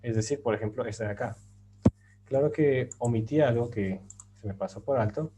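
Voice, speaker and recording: A man teaching a grammar lesson, patient and explanatory, often checking in with his listeners and pausing on fillers as he writes. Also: mid-range voice. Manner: patient, rhetorical questions, many fillers. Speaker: language teacher. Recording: faint background noise.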